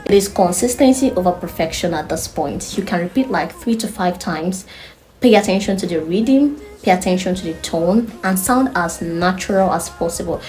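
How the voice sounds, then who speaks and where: A woman with a Nigerian accent giving an online language lesson, emphatic and playful as she explains. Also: lowish voice. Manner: animated, emphatic, playful teaching. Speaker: Chinese language tutor.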